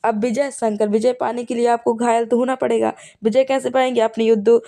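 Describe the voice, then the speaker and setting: A woman teacher with a slightly high, gravelly, warm voice runs an exam revision lesson at a brisk pace and a flat delivery. She teaches memory tricks and repeats key points, often checking in with the listener with "ठीक है".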